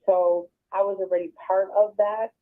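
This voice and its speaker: A middle-aged woman from Buffalo, New York, speaking as a guest in a radio interview on a phone line, soft-spoken and reflective, with hesitant restarts. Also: mid-range voice, flat delivery, moderate pace. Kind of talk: conversational interview. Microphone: phone call.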